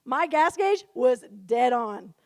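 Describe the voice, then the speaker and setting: A young woman in her twenties with a very high voice tells a funny story about herself at a retreat. She is chatty and casual, drops "like" constantly and keeps breaking into laughter. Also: expressive, takes it slowly, vocal fry, a little mellow. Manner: chatty, full of "like", laughs often while telling. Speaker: retreat speaker. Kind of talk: humorous personal storytelling.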